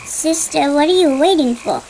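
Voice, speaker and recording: A woman's voice: high voice, moderate pace, a little mellow, a little hiss or hum, rough recording. A woman voicing a curious young boy in a dubbed cartoon, who keeps asking why. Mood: curious, questioning. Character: curious inquisitive young boy, Abdul Bari.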